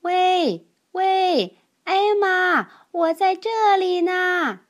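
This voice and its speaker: Cartoonish boy elephant, mischievous, very high, drawn-out squeaky calls, as a woman puts him on. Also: sing-song, a bit bright, heavily acted. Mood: calling out. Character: mischievous young male elephant cousin, prankster.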